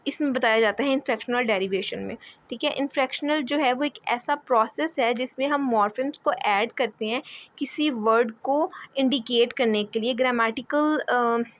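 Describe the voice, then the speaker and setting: A woman giving a lecture as a teacher, often checking in with "okay" and pausing with fillers. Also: fairly high pitch. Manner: repeats "ठीक है", hesitant fillers. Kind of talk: explaining lecture. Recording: dull lo-fi audio.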